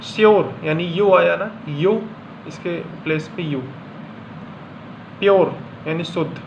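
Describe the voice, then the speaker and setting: A man teaching pronunciation in Hindi, reading out example words one at a time in a slow, deliberate way. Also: sits high. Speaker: English teacher. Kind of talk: classroom lesson explaining pronunciation. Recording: dull lo-fi sound with faint room hum.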